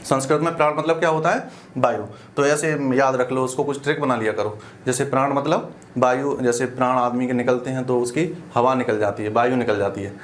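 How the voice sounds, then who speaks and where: A man's voice: medium pitch, fairly even intonation, brisk, a little hiss or hum. A male teacher giving an exam-prep grammar lesson. He explains step by step in a colloquial way and often stops to ask whether the class is following. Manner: explains step by step with frequent check-in questions; colloquial, uses "apan" for "we".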